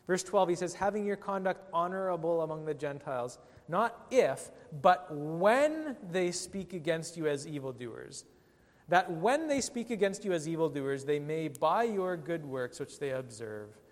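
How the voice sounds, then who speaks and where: A man, a pastor, delivering a sermon with an emphatic, rising and falling delivery. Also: a little high. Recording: long hall reverb.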